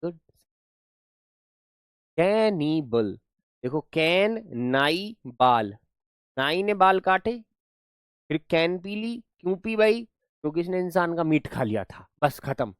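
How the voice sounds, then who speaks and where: A man's voice: on the high side, big pitch swings, slow, long pauses, clean tone, no echo, studio quality. A young man teaching a live online class in a playful, coaxing way, repeating words for his pupils.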